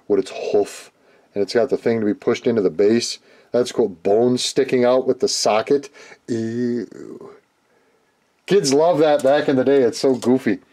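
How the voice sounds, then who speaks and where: Male hobby host, mid-pitched, casual and jokey with a deadpan streak, talking through a kit build in his workshop. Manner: playful, deadpan jokes.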